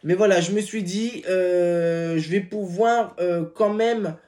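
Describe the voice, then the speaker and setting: A man hosts his own tarot channel in an easygoing unboxing chat. His voice is warm and mellow, and he takes his time. He hesitates a lot, leans on filler sounds and often apologizes along the way. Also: high voice, slow pace.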